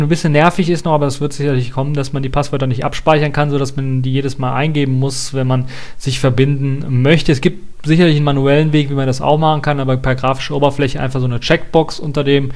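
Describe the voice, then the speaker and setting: A man talking through a software release in a relaxed, unscripted way. He hesitates often, restarts his sentences and fills the pauses as he thinks. His voice sits at an ordinary middle pitch for a man. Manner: thinking aloud with many filler sounds and restarts. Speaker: tech reviewer. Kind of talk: casual spoken software review.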